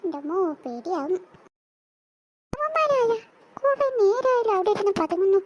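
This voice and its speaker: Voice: extremely high pitch, very animated, normal speed, muffled recording. A performer voicing a jittery young boy who stammers and talks urgently. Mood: scared. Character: jittery young boy Vasu, easily scared.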